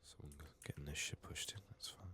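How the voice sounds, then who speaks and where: An ASMR gaming host, this man offers soft-spoken game commentary, murmuring haltingly and drifting into whispers. Illness has left his voice strained.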